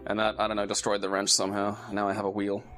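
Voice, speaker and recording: A man's voice: on the low side, completely flat delivery, fast talker, a bit bright, soft background music. A man playing through a game and commentating casually, laughing often and rambling through his explanations. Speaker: player.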